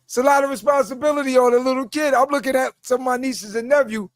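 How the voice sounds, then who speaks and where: Here the New York podcast host, a middle-aged man, talks quickly in a very high, steady voice. He casually tells stories, laughing and acting out quoted voices, and the studio-quality recording has no room sound.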